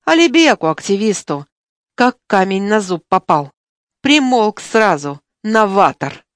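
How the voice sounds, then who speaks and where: A woman reading an audiobook, voicing a sly, needling male truck driver who jeers in a shrill, wheedling voice. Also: sing-song, a little slow, dry recording, studio quality.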